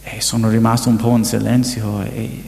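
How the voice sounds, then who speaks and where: A man's voice: fairly low pitch, level tone, normal speed, creaky, darkish tone, a little hiss or hum. Man telling a story in an echoey hall. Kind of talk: personal story in a sermon. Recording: echoey hall with long reverb.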